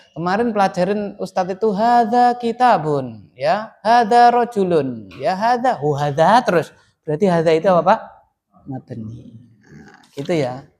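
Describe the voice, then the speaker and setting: Man teaching Arabic grammar. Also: sits high. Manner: quizzing students with repeated "apa, Pak?" prompts. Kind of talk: classroom lesson with call and response.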